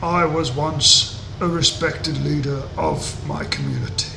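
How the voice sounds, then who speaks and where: Guy doing an ancient cursed stone face from a game, slow n solemn like a talking tree, bit gravelly, echoey room. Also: animated. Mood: weary, cursed. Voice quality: creaking, rumbling. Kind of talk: video game dialogue read aloud. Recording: noisy, roomy home recording.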